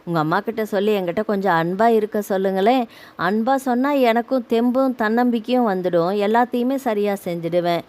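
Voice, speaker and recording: A woman's voice: medium pitch, a little fast, a little mellow, natural voice. A woman voicing a timid, frightened young wife who speaks meekly and pleads. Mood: pleading. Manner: meek, pleading, tearful.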